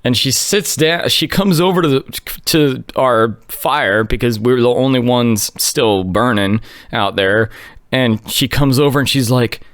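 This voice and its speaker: Laid-back man telling a story slowly. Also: mid-range voice, a bit bright, clean tone, no echo. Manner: laid-back, full of likes and you-knows. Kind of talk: casual storytelling chat.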